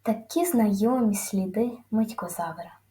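A woman narrating a children's audiobook with lively, dramatic storytelling. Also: mid-range voice, moderate pace, roomy sound.

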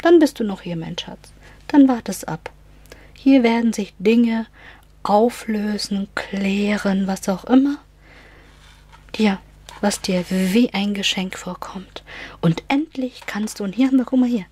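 Woman, casual astrology reading, often whispering, repeats herself, unhurried. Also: medium pitch, mellow, husky. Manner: repeats words, switches into English phrases. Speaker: astrology and card reader. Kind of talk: casual spiritual reading for an online audience.

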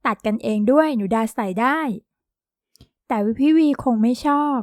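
A chatty, excitable teenage girl in an audio novel, voiced by a woman reader. She talks loudly and bubbles over, her voice jumping high. The sound is close and dry. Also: normal speed, no room sound, close to an everyday voice. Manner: talkative, loud and bubbly.

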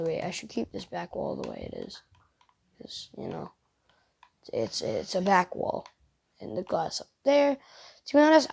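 Low-pitched, creaky and slightly rough, this woman's voice belongs to a weary gaming channel host. She plays through a casual let's-play, musing aloud, wandering off topic and often making fun of herself.

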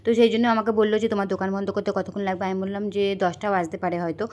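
A woman's voice: medium pitch, steady tone, rapid-fire, a little mellow. A young woman vlogging in a chatty, rambling way, filming on a phone outdoors near a station at night. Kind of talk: casual vlog narration.

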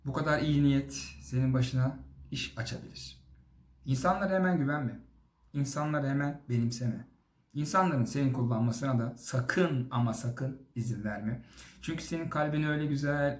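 Speaking at medium pitch with a darkish tone, this young man sounds reverberant on the recording. He's a comedy vlogger delivering a teasing, overly sweet monologue to the zodiac signs, punctuated by abrupt bursts of swearing.

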